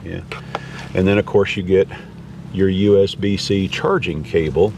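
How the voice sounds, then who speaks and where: Demonstrating gear off the cuff, this video host rambles folksily in a low, fairly even voice at a measured pace, with a slightly mellow tone. He's picked up by a distant mic amid background noise.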